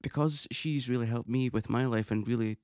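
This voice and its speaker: A man hosting his own podcast, talking in a chatty, excitable way and laughing often. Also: medium pitch, a little fast, no echo, clean studio sound. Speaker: podcast host. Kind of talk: casual monologue podcast.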